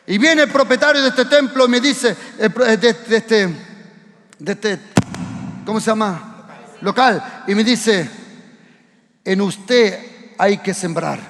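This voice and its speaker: A male pastor preaching a lively storytelling sermon in a church, rising at times to shouts. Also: very high-pitched, measured pace, long pauses, big-room sound. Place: church hall. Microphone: handheld or stand microphone.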